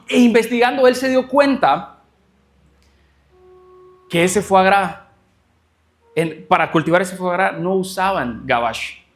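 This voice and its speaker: Guest preacher, male, high-pitched, animated storyteller who acts out the dialogue. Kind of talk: sermon storytelling.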